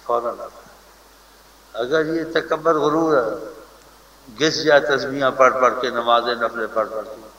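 A man's voice: mid-range voice, bright, forceful tone. Man giving an echoey religious talk. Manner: earnest, advising, repeats points. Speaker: religious teacher. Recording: echoey room, distant mic, hiss.

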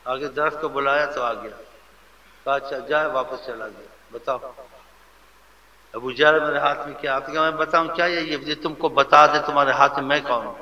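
A man preaching a devotional sermon with fervent, animated delivery, sometimes mimicking how people speak to others. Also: medium pitch. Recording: lo-fi recording with faint ambience.

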